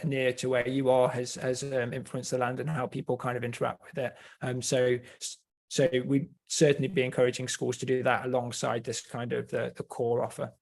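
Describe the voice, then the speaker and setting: A man's voice: mid-range voice, vocal fry, darkish tone. Man presenting, hesitant and explanatory. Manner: hesitant, explanatory, with repeated words. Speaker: presenter of school curriculum resources. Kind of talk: semi-scripted webinar presentation.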